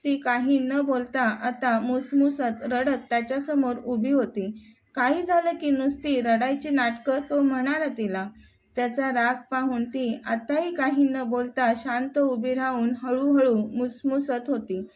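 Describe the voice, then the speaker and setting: Woman storyteller, high pitch, steady narration, scripted reading. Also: a little slow.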